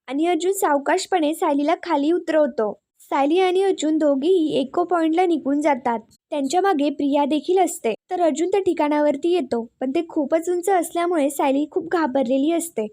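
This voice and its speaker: A woman narrating a serial episode recap in a casual storytelling way. Her voice sits very high but sounds soft and mellow, and she moves through each scene at an even pace. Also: moderate pace, few pauses. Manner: steady retelling, mixes in English words.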